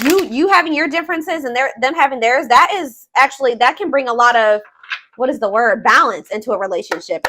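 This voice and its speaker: A woman with a voice on the high side hosts an informal tarot reading for viewers, thinking aloud and searching for words while driving home points emphatically. Her manner is casual and conversational, and there's background noise.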